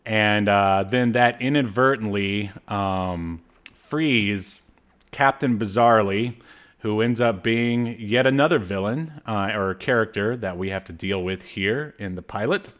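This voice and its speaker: A man's voice: lowish voice, measured pace, fairly bright tone. A man co-hosting a podcast, recapping a cartoon episode in casual chat, rambling with many fillers and frequent laughs. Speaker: podcast co-host.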